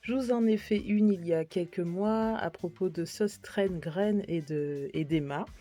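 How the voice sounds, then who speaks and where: A woman's voice: on the low side, a little slow, mellow. A woman chatting casually through a shopping haul video, hesitant with many fillers, apologising for her English pronunciation. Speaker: vlogger.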